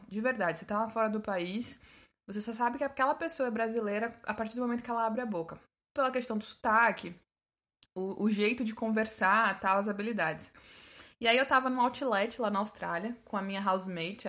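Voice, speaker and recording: A woman's voice: medium pitch, a little fast, fairly bright tone. A Brazilian woman with a mixed São Paulo, Sergipe and Minas accent, giving a casual English-teaching talk full of restarts and fillers. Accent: Brazilian Portuguese, mixed São Paulo, Sergipe and Minas.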